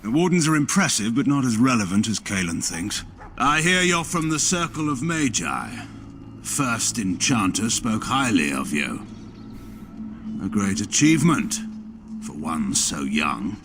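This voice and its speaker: Loghain, a cold stern general. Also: male voice, fairly low pitch, sing-song. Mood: cold, condescending. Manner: dry, cutting, measured. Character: stern middle-aged male war general, cold and condescending. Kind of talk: video game voice acting. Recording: game audio with music behind.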